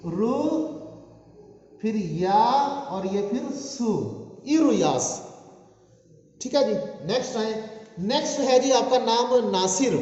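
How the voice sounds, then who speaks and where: A man with a very high, mellow voice teaches a language lesson at a steady, patient pace, spelling out sounds one at a time. He keeps checking with the class, then answering his own questions. The recording sits in a big, booming room with a long hall tail. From Pakistan. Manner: patient and repetitive, asking the class quiz questions and answering them himself. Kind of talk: classroom-style lesson explaining how to write names. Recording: very echoey hall sound, dull lo-fi audio.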